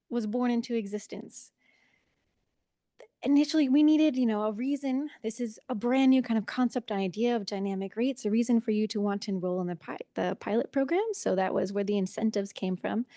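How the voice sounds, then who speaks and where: Female conference presenter, nervous and self-conscious; higher voice with a soft, warm timbre. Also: no room sound, clean studio sound.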